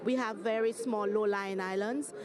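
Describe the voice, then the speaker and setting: A woman's voice: mid-range voice, fairly even intonation, moderate pace. Earnest woman over crowd. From Saint Lucia. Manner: earnest, grave. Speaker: activist. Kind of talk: interview statement. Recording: crowd noise in hall.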